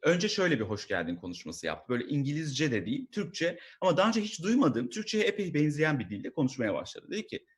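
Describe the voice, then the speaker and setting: Young male stand-up comic, lively storyteller, pitch climbs high. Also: fast, few pauses. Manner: animated storytelling, mimics his boss in a high voice. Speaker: stand-up comedian. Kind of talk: stand-up comedy monologue.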